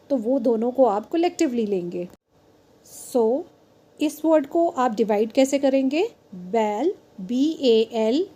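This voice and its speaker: A woman's voice: on the high side, warm tone. A woman teaching a beginners' phonics lesson, switching between Hindi and English, spelling out letters and drawing out example words.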